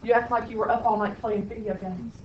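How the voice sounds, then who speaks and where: A woman's voice: a little high, steady tone, brisk, slight background noise. A woman math teacher, lecturing a classroom with playful, sarcastic teasing of her students. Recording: echoey classroom, distant lo-fi mic.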